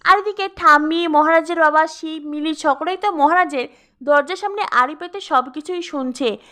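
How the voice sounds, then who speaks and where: Woman narrator, serial recap; very high and bright, brisk storytelling.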